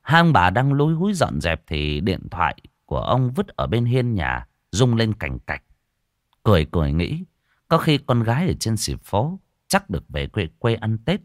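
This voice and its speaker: A man telling a ghost story in a low voice that rises and falls very widely. His reading is expressive and dramatic. The recording is close and dry, with no room sound. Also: dry recording.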